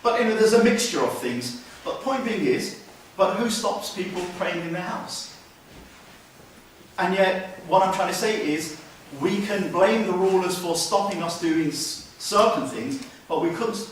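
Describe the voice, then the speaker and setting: A man's voice: sits high, unhurried, slight background noise. A man giving an earnest mosque lecture as a religious teacher, with many restarts and questions put to the listeners. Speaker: Islamic teacher. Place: mosque hall. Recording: very echoey hall, mic at a distance.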